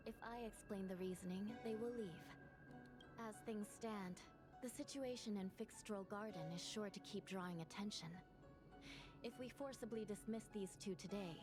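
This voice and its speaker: A woman playing a measured, formal court clerk. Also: mid-range voice, close to an everyday voice. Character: calm, formal female court clerk, reasoned and composed. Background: game music.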